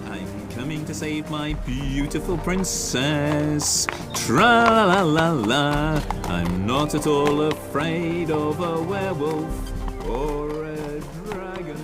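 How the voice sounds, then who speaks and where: A man voicing a cowardly, boastful young prince in a game cutscene, bragging in a slow sing-song. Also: on the high side, lively intonation, over loud music. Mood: jaunty.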